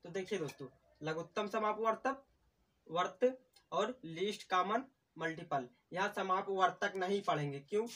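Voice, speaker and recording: A man's voice: high-pitched, moderate pace, pushed and bright, distant mic. A man teaching math as in a classroom, asking questions and answering them himself, repeating key terms and calling his viewers friends. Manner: addresses viewers as friends again and again. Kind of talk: classroom-style lesson at a board.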